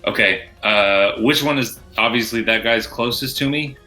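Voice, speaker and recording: A man's voice: medium pitch, normal speed, music in the background, low-quality recording. A man playing a tabletop game, easygoing and slangy, thinking aloud about his move. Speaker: player. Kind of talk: casual chat at a tabletop game.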